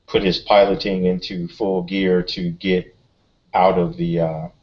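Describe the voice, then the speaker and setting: A man playing a tabletop game, talking casually and explaining moves and rules in a deliberate way. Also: low voice, flat delivery. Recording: dull, lo-fi sound.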